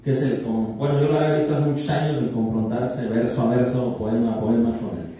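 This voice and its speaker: A man reciting his own poem at a literary event, steady once he begins reading. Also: mid-range voice, brisk, dull audio, slight background noise. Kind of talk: poetry reading. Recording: echoey hall from far off.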